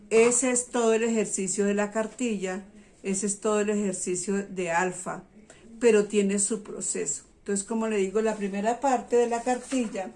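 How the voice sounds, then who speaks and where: A woman teacher, middle-aged, speaks at an ordinary middle pitch. She explains a children's reading program to parents step by step, in a patient and unhurried way. She often stops to make sure her listeners are following.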